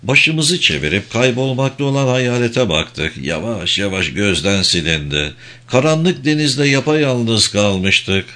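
This audiobook narration of a novel comes from a man with a mid-range voice, whose storytelling is measured and expressive.

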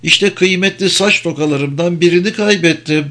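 A man voicing a cheerful, caring young woman in an audiobook reading, lively and concerned. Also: high-pitched, moderate pace, pitched above the performer's own voice. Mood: playful.

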